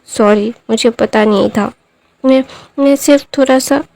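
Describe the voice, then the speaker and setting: A woman voicing a timid, childlike young man who pleads and apologizes in a halting way. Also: fairly high pitch, a little mellow, voice pushed up. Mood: pleading.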